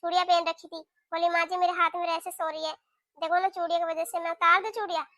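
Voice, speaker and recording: A woman voicing a sharp-tongued, nagging middle-aged mother-in-law in a cartoon, talking in a scolding, taunting way. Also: very high voice, little pitch movement, fast, no echo, clean studio sound. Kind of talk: cartoon voice acting.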